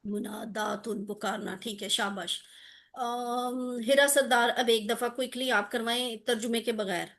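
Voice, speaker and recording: A woman's voice: fairly high pitch, steady tone, fairly bright tone. A woman teaching an online grammar class, patiently drilling word forms and asking students questions.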